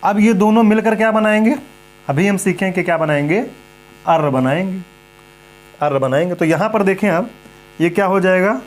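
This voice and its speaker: A man with a high-pitched voice gives a grammar lecture. He keeps asking rhetorical questions and answering them himself. He repeats each rule patiently, like a classroom teacher. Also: moderate pace, pauses often.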